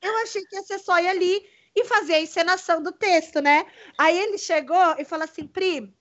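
Woman, 30s, very high voice, laughing storyteller, casual chat. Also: fairly quick, dull audio. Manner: animated storytelling, laughing often.

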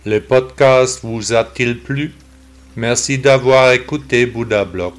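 Male podcast host, synthetic old-style text-to-speech voice, unhurried scripted delivery. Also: mid-range voice. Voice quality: synthetic computer voice.

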